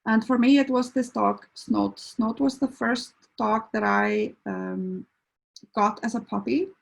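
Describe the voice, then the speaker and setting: A middle-aged Icelandic woman, a veterinarian and behavior counselor, gives a casual introductory talk that's hesitant, full of fillers and restarts. Her fairly high voice is steady and slow, with vocal fry and a breathy edge, on a rough recording.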